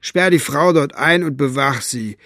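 A man's voice: mid-range voice, measured pace, bright, forceful tone, no echo, studio quality, pitched above the performer's own voice. A man voicing a coarse, smug male henchman who mocks and gloats. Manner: gloating, sneering, grunting.

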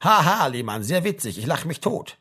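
A man reading a story aloud, voicing a mocking, gruff middle-aged army sergeant in a raised, sarcastic voice. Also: high voice, expressive, quick pace, pitched above the performer's own voice. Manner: sarcastic, barking questions.

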